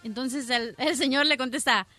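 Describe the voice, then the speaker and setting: A woman's voice: high-pitched, moderate pace, bright, forceful tone, no room sound, soft background music. A woman co-hosting a radio show, chatty and teasing as she tells a joke.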